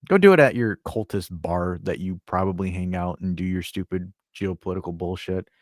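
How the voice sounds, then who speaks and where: A man's voice: sits low, a little fast, no echo, clean studio sound. A man from the United States co-hosting a casual sports podcast, ranting with plenty of profanity. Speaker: podcast co-host.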